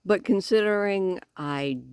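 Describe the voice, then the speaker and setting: A woman chatting casually in a vlog, with a slight lisp and careful, halting speech as she talks around newly fitted false teeth. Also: medium pitch, a little mellow, clear, resonant tone. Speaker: vlogger giving a personal update.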